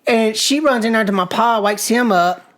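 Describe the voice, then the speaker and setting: A man's voice: high-pitched, normal speed. A man, a podcast guest telling a story casually, laughing and acting out what people said. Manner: animated, laughing storyteller, acts out quotes.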